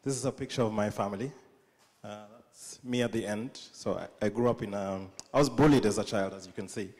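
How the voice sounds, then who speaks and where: A man's voice: lowish voice, fairly quick, darkish tone. A young man with a Kenyan accent giving a live conference talk on a stage with a handheld mic, humorous and self-deprecating, often restarting his sentences. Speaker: conference speaker. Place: large dark auditorium stage. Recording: long reverb of a hall.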